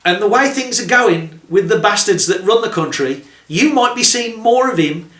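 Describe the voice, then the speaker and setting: A middle-aged man spins road anecdotes with dry, sardonic wit and a chuckle behind the punchlines. His voice sits a touch high and rings bright and forceful. The sound bounces around an echoey room. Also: lively intonation, moderate pace. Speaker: truck driver telling stories. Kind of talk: casual anecdotal storytelling.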